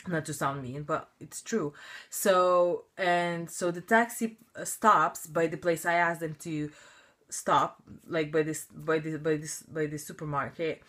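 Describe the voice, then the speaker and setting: A young woman vlogging a rant with a slightly low voice. She talks chattily, fills her speech with "like" and "you know", and sounds indignant. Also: fairly even intonation, measured pace, fairly bright tone. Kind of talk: casual ranting storytelling.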